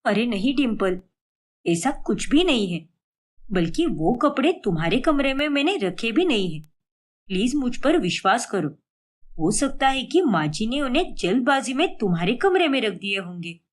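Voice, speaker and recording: Lady playing a hurt young bahu, soft and pleading, a bit lower than her usual voice, cartoon. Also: big pitch swings, normal speed. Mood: subdued. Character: young wife, gentle and hurt.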